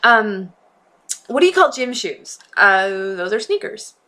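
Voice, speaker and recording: Bright-voiced woman with a Northeastern US accent. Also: medium pitch, big pitch swings, slow. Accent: US Northeast, slight New York-New Jersey tilt. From United States. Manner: chatty, rambling, playful. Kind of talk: casual question-and-answer reading prompts aloud.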